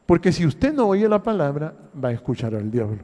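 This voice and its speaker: This older Honduran pastor preaches briskly in a sing-song manner, his emphatic sermon packed with rhetorical questions and repeated lines. Loud outbursts alternate with low murmurs, all carried on a long hall reverb.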